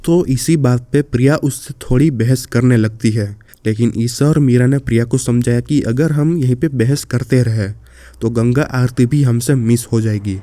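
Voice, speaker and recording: A man's voice: medium pitch, moderate pace, warm tone, dry recording. A man narrating a horror story in a casual way, speaking directly to the listener.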